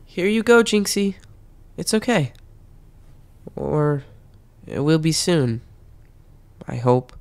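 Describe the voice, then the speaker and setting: A woman's voice: sits low, expressive, takes it slowly, long pauses, a little mellow, slight background noise, exaggerated voice. A woman voicing an anxious but brave young boy in a comic dub, earnest and hesitant. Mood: subdued.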